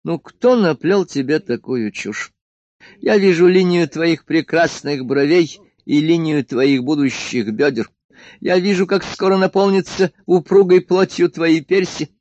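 A man's voice: on the high side, darkish tone, dry recording, pitched above the performer's own voice, close to an everyday voice. A man playing a leering self-styled emperor. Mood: grandiose, leering. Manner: leering, exalted, drawn-out slow speech. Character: boisterous grandiose madman calling himself emperor, male. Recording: dull dry lo-fi studio recording.

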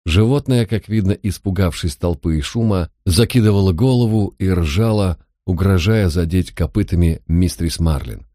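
A man narrating an audiobook in a steady, even storytelling manner. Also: deep voice, normal speed, few pauses, no echo, studio quality.

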